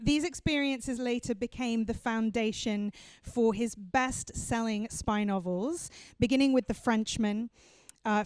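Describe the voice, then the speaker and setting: A woman's voice: fairly high pitch, darkish tone, clear, resonant tone, dry recording. A woman hosting a live on-stage interview, introducing her guest with effusive enthusiasm. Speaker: host and interviewer.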